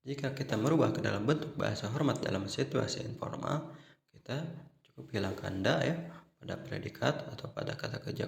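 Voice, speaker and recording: A man's voice: on the low side, vocal fry, reverberant. A man explaining grammar patiently, step by step, as a language teacher, with a constant "ya" and "nah". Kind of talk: explanatory online lesson.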